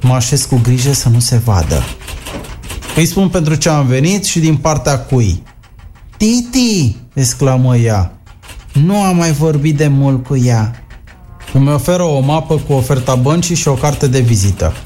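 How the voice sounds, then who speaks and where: Man narrating a funny story, dry deadpan delivery, mid-pitched voice, noisy recording. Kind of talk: comic storytelling.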